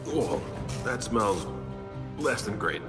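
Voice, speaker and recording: A deep-voiced easygoing soldier. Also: male voice, lively intonation, slow. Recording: echoey hall with game music.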